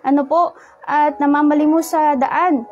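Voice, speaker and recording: A woman with a high voice and a Filipino accent preaches a sermon. She tells her stories slowly and politely, often pausing on "ano po". Soft music plays behind her. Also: fairly even intonation, highs cut off. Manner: polite, unhurried storytelling with frequent "ano po" fillers.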